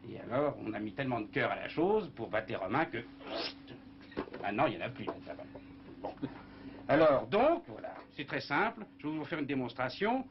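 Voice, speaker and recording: A dull old broadcast recording with a faint hiss captures a film composer chatting in a casual interview. He rambles energetically, a little fast, in a mid-range voice, and imitates sounds with his mouth.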